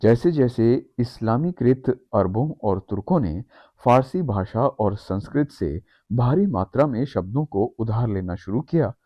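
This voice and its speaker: A man narrating a scripted history explainer in a measured, steady read-aloud manner. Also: mid-range voice, no room sound. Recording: dry, slightly dull studio voice-over.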